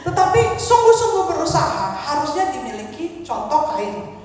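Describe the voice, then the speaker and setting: Middle-aged woman preacher, high voice, animated storytelling sermon, recorded from afar in a very echoey church hall. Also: moderate pace. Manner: animated storytelling, acts out quoted voices, laughs often. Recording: very echoey hall, from far off, faint ambience.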